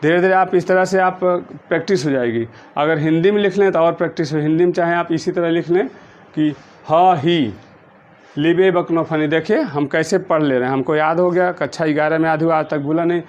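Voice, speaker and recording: Lo-fi teacher chanting mnemonics. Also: male voice, fairly high pitch. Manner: patient, repetitive, slow sing-song chanting of mnemonics. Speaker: chemistry teacher. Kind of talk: blackboard-style lesson explanation. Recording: dull lo-fi recording.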